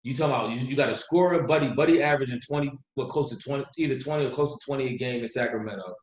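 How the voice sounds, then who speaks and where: A man co-hosting a casual sports podcast, animated and quick to laugh, getting heated when he argues a point. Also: mid-range voice, echoey room, poor audio. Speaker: podcast co-host.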